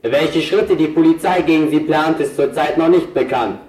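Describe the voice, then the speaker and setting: A young loudspeaker announcer. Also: male voice, on the high side, normal speed. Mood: announcing. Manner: repeated formal announcer calls. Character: eager young male helper announcing over a loudspeaker. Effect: voice through a large loudspeaker. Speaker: neighborhood youth making loudspeaker announcements. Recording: echoey loudspeaker from far off.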